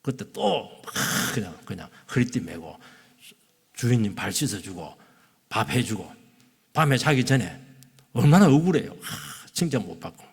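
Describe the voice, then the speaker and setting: A man preaching a sermon as pastor in a church, swinging between loud exclamations and hushed asides. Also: medium pitch, sing-song, normal speed, vocal fry, slightly rough. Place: church sanctuary. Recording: long reverb of a church hall.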